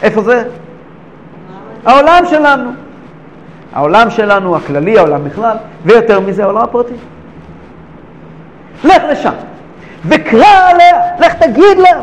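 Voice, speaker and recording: Very high-voiced man teaching Torah. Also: very animated, pauses often, slight background noise, poor audio. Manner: rhetorical questions, swings between hushed and emphatic.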